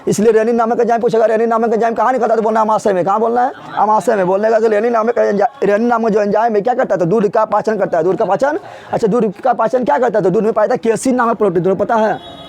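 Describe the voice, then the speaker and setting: In a classroom with a board, a man drills his students by posing each question and then repeating the answer several times, using plain, colloquial speech with regional Bihari turns of phrase. His high-pitched voice is rapid-fire and steady in tone, slightly mellow, with some vocal fry.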